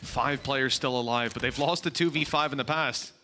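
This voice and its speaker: A man's voice: medium pitch, moderate pace, background noise. A man working as an esports caster, commentating a live match with play-by-play and analysis.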